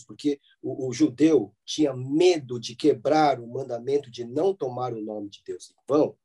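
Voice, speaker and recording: Husky, mellow Brazilian teacher lecturing. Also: male voice, a little high. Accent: Brazilian Portuguese. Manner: explanatory, with frequent "né?" and "tá?" check-ins. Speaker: theology teacher. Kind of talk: church classroom lecture.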